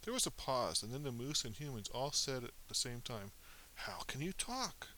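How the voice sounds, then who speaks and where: A man narrating a children's story in an animated, expressive reading with small slips. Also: mid-range voice, a little fast, slight background noise, low-quality recording.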